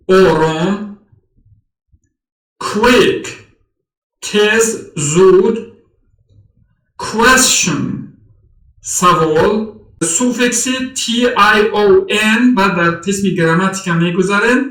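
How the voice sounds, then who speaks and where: A man teaching English phonetics in a recorded lesson, reading example words slowly and deliberately. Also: sits high, fairly bright tone, roomy sound, distant mic, rough recording.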